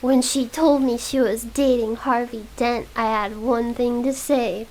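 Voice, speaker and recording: Woman whispering as a smooth playboy. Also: a little high, fairly even intonation, unhurried, a little mellow, low-quality recording. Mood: teasing. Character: smooth rich young playboy man. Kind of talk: whispered role-play.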